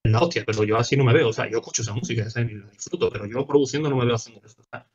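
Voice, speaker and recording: A man with an Andalusian Spanish accent, a guest musician chatting casually and fast, full of slang fillers. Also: mid-range voice, a little mellow, slightly rough. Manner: fast, slangy, says "tío" and "¿sabes?" constantly. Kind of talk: casual podcast chat. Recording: dull lo-fi sound.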